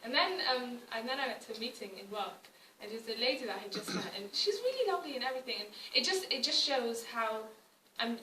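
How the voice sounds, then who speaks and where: A woman's voice: fairly high pitch, lively intonation, fast talker, hardly any pauses, bright, forceful tone, far from the mic, a little hiss or hum. Young British woman in an echoey hall. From Wales. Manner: conversational, wry, hesitant restarts. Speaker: speaker at a public talk. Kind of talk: public talk with anecdotes. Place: arts centre hall.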